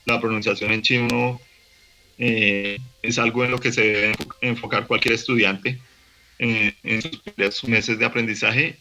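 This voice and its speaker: A man teaching a workshop lesson, explaining patiently with fillers and restarts, slowing down to demonstrate syllables. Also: medium pitch, creaky, pushed and bright, low-quality recording. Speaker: language teacher. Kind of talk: recorded online workshop lesson.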